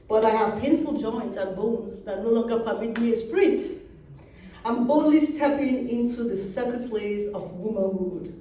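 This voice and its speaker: A woman in her forties with a Yoruba accent, a native Yoruba speaker, reading her poems in a slow, measured way. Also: fairly high pitch, warm tone. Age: 40s. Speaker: poet. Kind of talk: poetry reading. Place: reading event hall. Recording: very echoey room, mic far off.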